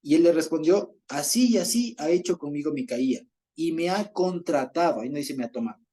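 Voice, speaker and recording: Mellow-voiced man teaching Bible study. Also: on the high side, animated, a little fast. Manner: keeps checking in with the group, reads passages aloud; chuckles while explaining.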